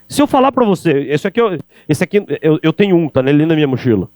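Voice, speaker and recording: A middle-aged Brazilian man giving an energetic business lecture on sales, talking straight to the audience with rhetorical questions. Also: a little high, fast, no echo. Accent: Brazilian Portuguese. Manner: animated, addresses audience directly with rhetorical questions. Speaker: keynote speaker on sales. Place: event hall.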